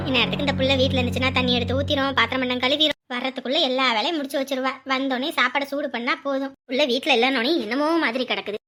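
Woman as high, quick, snappish wife, cartoon. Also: steady tone, sharp tone, faint music behind. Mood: wistful. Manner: snappish, dismissive retorts. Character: sharp-tongued hard-working village wife and mother.

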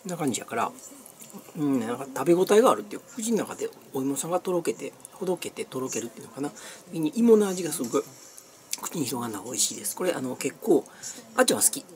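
A middle-aged vlogger with a Kansai Japanese accent, chatting casually about snacks in a small room and sometimes trailing off softly. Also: mid-range voice, big pitch swings, fast. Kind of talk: casual snack-review vlog chat. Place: small cluttered room indoors. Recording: clearly noisy room recording with clicks.

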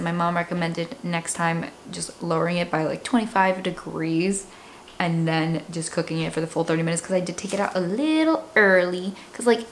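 Low-voiced chatty young woman vlogging at home. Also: a little hiss or hum. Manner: chatty, filler-heavy with many "like"s. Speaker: fitness vlogger. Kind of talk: casual vlog chat. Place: home kitchen, indoors.

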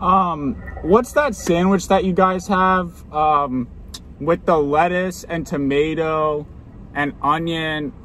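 A young man orders at a drive-through window from his car, hesitating and trailing off as he describes what he wants. His voice sits a little high, with a faint hum of noise around him. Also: slow, fairly bright tone, rough recording. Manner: hesitant and indecisive, full of ums and uhs.

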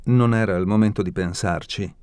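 A man narrating an audiobook in a steady, measured reading voice, close to the mic. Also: lowish voice, clear, resonant tone, dry recording.

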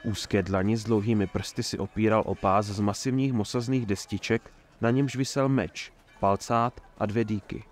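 A man narrating a fantasy audiobook in a steady, measured reading voice. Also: on the low side.

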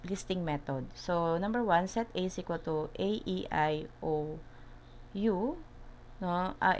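Low-pitched Filipino woman teacher mixing languages midsentence. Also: slight background noise. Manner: switches between English and Tagalog midsentence; instructive, checks with "okay?" and "no?". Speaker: math teacher. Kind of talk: recorded slide lesson.

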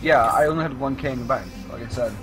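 A man's voice: medium pitch, fast, a bit bright. A man in casual gaming voice chat, asking his teammates short questions over a headset. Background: game music.

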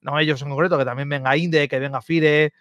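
A man's voice: a little high, steady tone, a little fast, fairly bright tone, clean tone, no echo, highs cut off. A man co-hosting a casual esports podcast, joking and swearing as he talks over the others. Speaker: podcast co-host.

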